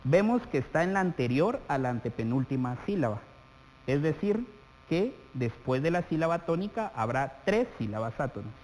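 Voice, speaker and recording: A Guatemalan man teaches a televised lesson, addressing the viewer directly in a fairly high voice whose pitch rises and falls very lively. He stretches out the example words slowly as he dictates them, and the studio carries a long reverb over a faint hum.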